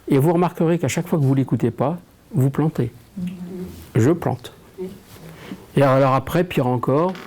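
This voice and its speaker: A man's voice: a little high, warm tone. Chatty French man speaking as a medium. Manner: chatty, joking, drops to a whisper. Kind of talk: public medium session.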